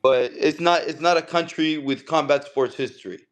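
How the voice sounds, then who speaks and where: Speaking at a normal speed in a voice on the high side, a Canadian pro boxer chats as an interview guest. He's a laid-back storyteller whose speech is loose and full of slang.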